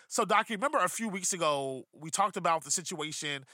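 Male podcast host, rapid and bright, a little high, talks in loose digressions. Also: dry recording, studio quality. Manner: animated, rambling with digressions and self-corrections. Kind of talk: casual podcast chat.

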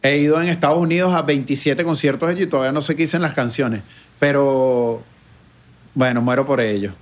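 A man's voice: medium pitch, fairly quick. A young man from Venezuela with a Venezuelan accent, joking and laughing through a casual podcast chat. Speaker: podcast guest.

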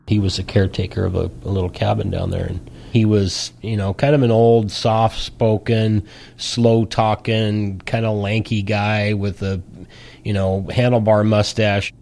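A man recounting a personal story in a casual, plainspoken way, with soft music behind. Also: fairly low pitch, flat delivery, moderate pace, gravelly. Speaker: interviewee.

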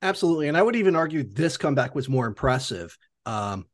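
A man's voice: mid-range voice, sing-song, fast. A man co-hosting a sports podcast with casual analysis, emphatic and repeating words for stress.

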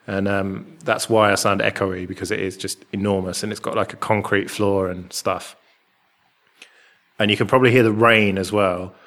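An English man chatting casually and rambling a bit, recorded with a big hall echo in a large, open flat with a concrete floor. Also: lowish voice. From England. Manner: rambling and chatty, with many fillers. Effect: big hall echo from an enormous, bare room. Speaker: podcast co-host. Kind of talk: casual chat.

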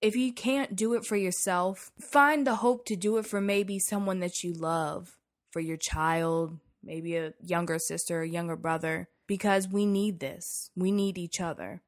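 A woman's voice: fairly low pitch, steady tone, unhurried. Heartfelt woman podcast co-host. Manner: emotional, heartfelt, pleading. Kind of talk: casual podcast chat.

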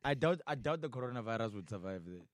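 Animated joking man on a podcast. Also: medium pitch, quick pace, dry recording, studio quality. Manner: joking, playful sound effects. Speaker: podcast co-host. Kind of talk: casual banter.

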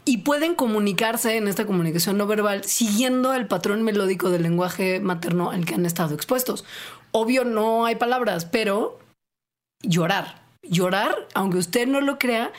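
A woman co-hosting a casual science podcast, playful and jokey. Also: medium pitch. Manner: playful, jokey, bursts into put-on voices. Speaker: podcast co-host.

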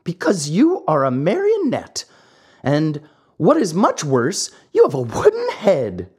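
A woman voicing a wise old male cricket who lectures in a calm, breathy voice. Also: deep voice, unhurried, pitched above the performer's own voice, full character voice. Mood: lecturing.

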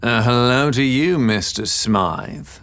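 A man voicing a smug, leering aristocratic gentleman in an audiobook, drawling and mocking. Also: medium pitch, slow, clear, resonant tone, pitched above the performer's own voice. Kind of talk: audiobook character voice.

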